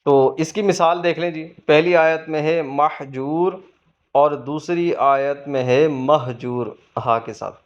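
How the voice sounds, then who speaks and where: A man's voice: on the high side, hardly any pauses, dull audio. A man teaching Quran reading to beginners, patiently asking questions and then answering them himself. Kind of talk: explaining a lesson to beginners.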